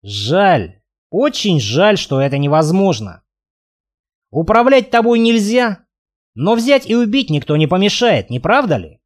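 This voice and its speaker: A man's voice: high-pitched, sing-song, a little slow. A man voicing a cold, mocking male vampire lord in an audiobook, with a smirking, drawling delivery. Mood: musing. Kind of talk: audiobook character voice.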